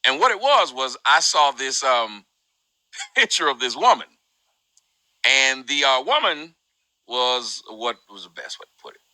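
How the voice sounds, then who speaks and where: A man hosting a live group discussion in casual, animated talk, his voice jumping high when he mocks. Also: a little slow, long pauses, no room sound, poor audio. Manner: animated, swings high and loud when mocking.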